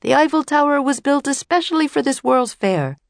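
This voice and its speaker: A grand, sing-song tour guide calling out the sights from a megaphone, as a woman reads him. The voice rides high and loud, with a gravelly edge. It sounds dry and close. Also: lively intonation, moderate pace, no echo. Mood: announcing.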